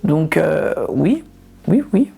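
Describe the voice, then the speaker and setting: A woman's voice: low-pitched, sing-song, slow, creaky, mellow, breathy edge. A woman from Ivory Coast, a comedian and influencer, chatting casually in an interview and repeating words for emphasis.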